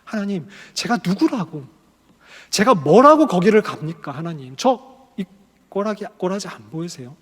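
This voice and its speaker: Moses, acted out by a preacher as a frightened older man begging God to send someone else. His pleading voice is high for a man and rings with a long hall echo. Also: lively intonation, normal speed, husky. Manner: pleading, self-pitying.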